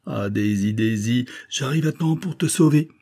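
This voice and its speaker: A man reading aloud voices a flustered, excitable middle-aged detective, exclaiming in a high, strained voice. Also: moderate pace, dry recording, clean studio sound, lightly acted. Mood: overjoyed. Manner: indignant, exclaiming in high pitch.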